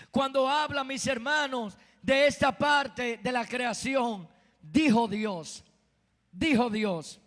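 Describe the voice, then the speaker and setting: A man preaching a sermon from a pulpit microphone in church, emphatic and often breaking into shouts. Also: very high-pitched, in a large hall.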